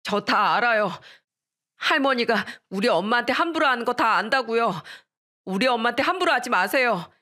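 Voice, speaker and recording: A woman's voice: fairly high pitch, animated, moderate pace, pushed and bright. Woman doing a bold little boy voice. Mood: earnest. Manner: pleading, talking back. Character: young boy, bold and earnest. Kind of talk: storybook reading.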